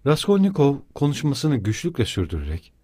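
A man narrating an audiobook in an expressive, measured reading. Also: medium pitch, slightly rough, no echo, clean studio sound. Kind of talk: scripted narration.

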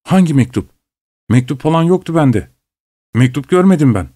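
A man doing a tipsy, sulky manservant, pitched up above the narration and pushing his words out loudly, each line dry and close. He repeats himself with dull insolence. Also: lively intonation, normal speed, no room sound. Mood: obtuse. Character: drunk insolent male servant, stubborn and sulky.

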